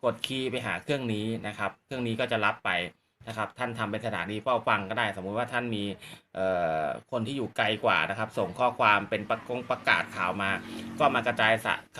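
A man gives a casual, polite gadget demonstration as a channel host. He talks fast in a bright, forward voice and circles back over his explanations, with faint noise behind him. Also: on the low side. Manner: polite, repetitive explanatory phrasing.

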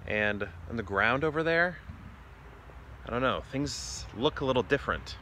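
A man's voice: mid-range voice, expressive, normal speed, sharp tone. Musing middle-aged man, noisy outdoors. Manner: musing, tentative, trailing off mid-thought. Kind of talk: casual vlog narration of watching the sky. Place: outdoors in a residential backyard. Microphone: phone held at arm's length. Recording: clear outdoor ambient noise.

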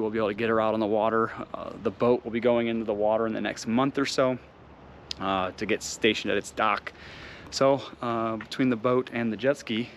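A man giving a casual vlog update, rambling with many ums and uhs, recorded outdoors and then in his truck. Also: lowish voice. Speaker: vlogger. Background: outdoor noise, rain.

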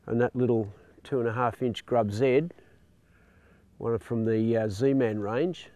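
A man explaining lure technique while fishing outdoors on a jetty, in a relaxed, upbeat way. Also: mid-range voice, measured pace, dry recording. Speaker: angler demonstrating lures. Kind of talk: casual fishing demonstration. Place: outdoors on a marina jetty by the water.

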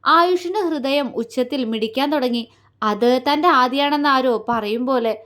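A woman reading an emotional romance audio story, dramatic and heartfelt. Her voice is high and clear throughout. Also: normal speed, fairly bright tone. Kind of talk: scripted narration.

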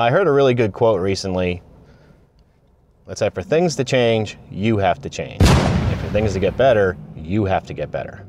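A man in his late thirties, an apprentice aircraft mechanic, talking casually and encouragingly to camera in his car. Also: fairly low pitch. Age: 30s. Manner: plain-spoken, encouraging, direct. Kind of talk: casual commute vlog. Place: inside a car. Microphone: camera mounted on the dashboard. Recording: car recording with clear road noise. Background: car and road noise.

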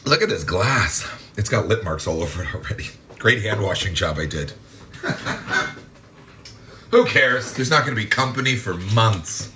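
A man's voice: fairly low pitch, expressive, moderate pace, background noise. A man hosting a casual cooking demonstration from his home kitchen, chatty and campy, cracking self-mocking jokes as he works. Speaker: home cooking show host.

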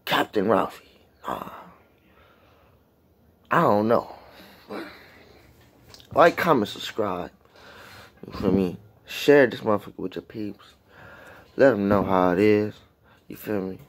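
A man's voice: lowish voice, expressive, slow, long pauses. A man hosting a casual reaction video, cursing freely and hyping up the song he is listening to. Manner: profane, hyped, talks back to the song.

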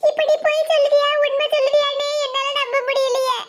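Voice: very high voice, level tone. A performer voicing a spoiled, whiny young daughter in a cartoon, with a Tirunelveli Tamil accent. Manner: whining, rapid complaints.

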